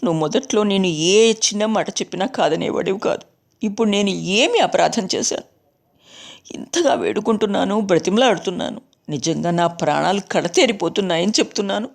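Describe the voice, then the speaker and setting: A woman's voice: mid-range voice, expressive, fairly quick, vocal fry. A woman voicing a distraught young wife who pleads tearfully and then turns defiant, in a storybook reading. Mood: pleading.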